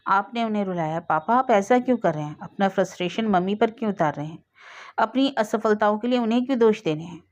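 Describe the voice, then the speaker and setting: A woman's voice: mid-range voice, lively intonation, fast, a little mellow, natural voice. A woman reading the lines of an outspoken young adult daughter who speaks firmly and insistently. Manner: firm, insistent. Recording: dull lo-fi audio.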